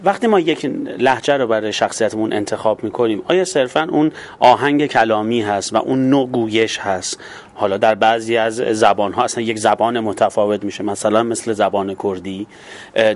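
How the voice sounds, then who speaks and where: Male interviewer asking actors questions. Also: on the low side.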